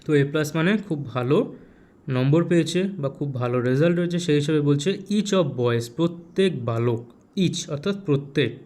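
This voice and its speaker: A male teacher with a West Bengal Bengali accent giving a recorded grammar lesson. His voice sits a little high, and he keeps asking rhetorical questions, then repeats each key term slowly. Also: darkish tone.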